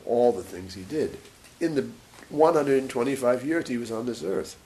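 A man giving a scripture lecture as a religious teacher, short of breath, halting and pausing mid-sentence. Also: medium pitch, animated, darkish tone, low-quality recording. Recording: faint background hiss.

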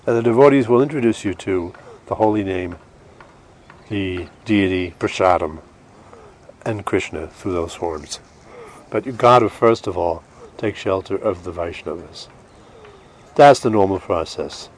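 A man giving an informal devotional lecture as a religious teacher, short of breath and halting, with restarts. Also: low voice, a little hiss or hum.

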